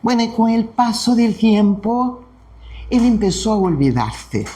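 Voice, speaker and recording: A Brazilian man, Portuguese by first language, gives a devotional spiritist talk in Spanish with a Brazilian Portuguese accent, weaving in storytelling. His voice is high-pitched with big pitch swings, and he speaks slowly and gently, pausing frequently.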